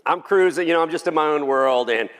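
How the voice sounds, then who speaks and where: A man with a Texan drawl delivers a lighthearted keynote, cracking jokes and polling the crowd. His voice sits a little high for a man. The sound rings with the long reverb of a large banquet hall. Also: fast, fairly bright tone, smooth. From Texas. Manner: folksy, joking, engages the audience. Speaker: keynote speaker. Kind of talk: humorous keynote speech.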